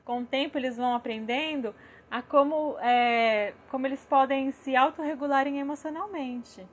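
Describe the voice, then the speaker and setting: A young adult woman with a Brazilian Portuguese accent, gently explaining parenting ideas in a casual live talk, often checking in with "né?". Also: high-pitched, steady tone, moderate pace. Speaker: parenting educator.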